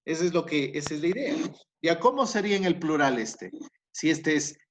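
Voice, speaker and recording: A man's voice: a little high, sing-song, fairly quick. A man teaching a recorded Greek grammar lesson in Spanish, explaining patiently, repeating key points and correcting himself with frequent fillers. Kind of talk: recorded class lecture.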